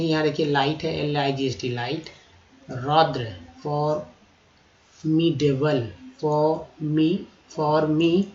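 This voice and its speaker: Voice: mid-range voice, a little mellow. A teacher going through a vocabulary list, repeating each word and spelling out its letters. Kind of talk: vocabulary lesson. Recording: roomy echo, slightly dull lo-fi sound.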